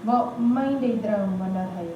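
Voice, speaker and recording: A woman retelling a Bible story at a camp, speaking haltingly and dropping in English words. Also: medium pitch, highs cut off, a little hiss or hum. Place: large echoey room at a camp. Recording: roomy, distant mic.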